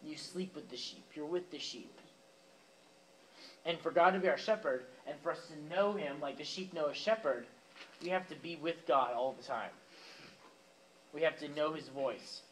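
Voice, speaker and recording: A man's voice: a little high, moderate pace, long pauses, a bit bright, a little hiss or hum, poor audio. A young man giving a youth sermon in a casual, chatty way, talking straight to the teens. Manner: casual, talks directly to teens with fillers and asides. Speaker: youth pastor. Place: church youth room, with a live audience.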